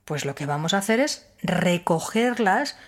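Low-voiced woman explaining. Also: very animated, a little slow. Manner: rhetorical questions, emphatic and instructive. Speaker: speaker on emotional wellbeing. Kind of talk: explanatory talk to an audience.

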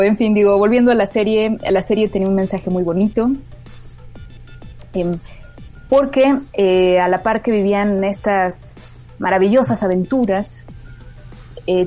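A woman's voice: medium pitch, moderate pace, mellow, faint music behind. A woman with a Mexican accent chatting casually and reflectively as a co-host. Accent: Mexican Spanish. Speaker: podcast co-host. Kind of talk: casual chat.

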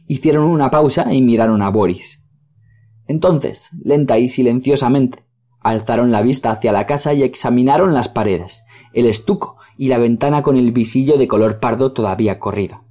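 A man narrating a short story as an audiobook in a measured, solemn manner. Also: mid-range voice, mellow. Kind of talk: audiobook reading. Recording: dull lo-fi sound.

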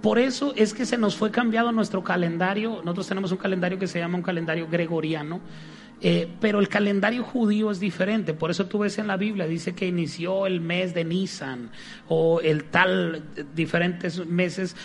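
A man's voice: high-pitched, fairly even intonation, normal speed, faint music behind. A man preaching a sermon with humor, getting the congregation to repeat his lines to each other.

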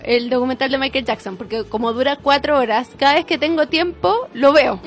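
A woman's voice: sits high, normal speed, faint music behind. A young Chilean woman co-hosting a casual talk show, blunt and teasing with mock exasperation. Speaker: co-host. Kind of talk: casual banter.

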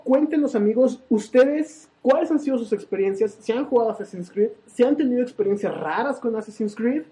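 A young man with a Mexican accent, co-hosting a comedy podcast and telling stories in an animated, playfully exaggerated way. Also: very high-pitched. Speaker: podcast co-host. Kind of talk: joking podcast banter.

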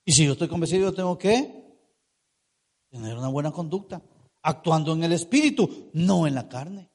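A man's voice: a little high, expressive, moderate pace, slightly rough. A man preaching a sermon, emphatic, asking rhetorical questions and drawing out key words.

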